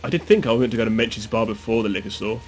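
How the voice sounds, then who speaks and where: A man's voice: on the low side, very fast, slightly rough. A man streaming a game speedrun and chatting casually with viewers as he plays. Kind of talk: casual live gameplay chat. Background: game sound and ambience.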